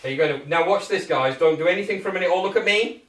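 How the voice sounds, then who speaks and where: Speaking very fast at a medium pitch, a British magician at a children's party guides the kids through a craft step by step, joking, encouraging, and often asking short questions to check. The recording sounds echoey, the microphone placed at a distance.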